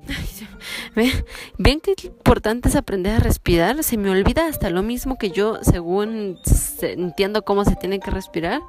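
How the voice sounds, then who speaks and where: A woman hosting a self-help podcast, giving practical advice in a lively, coaching way and acting out little scenes. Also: medium pitch, normal speed, soft background music. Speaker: podcast host.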